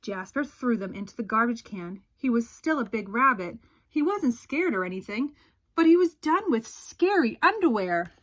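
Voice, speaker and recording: A woman with a fairly high-pitched voice reads a children's picture book aloud like a storyteller. Her delivery is expressive and dramatic, with suspense drawn out.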